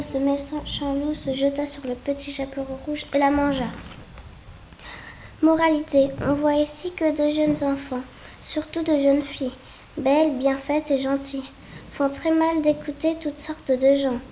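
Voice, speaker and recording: Mellow high woman reading a fairy tale. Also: slight background noise, poor audio.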